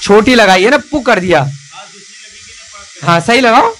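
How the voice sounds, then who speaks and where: A man teaching children to write a script in a classroom, coaxing and praising them and spelling out each stroke slowly. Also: sits high, expressive, a bit bright, rough recording.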